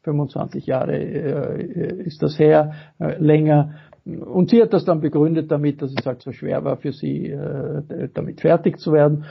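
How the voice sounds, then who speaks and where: A man speaking as a guest in a political interview, halting, with many fillers and restarts. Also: a little high, fairly even intonation, gravelly, a little hiss or hum. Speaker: guest journalist. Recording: dull lo-fi audio.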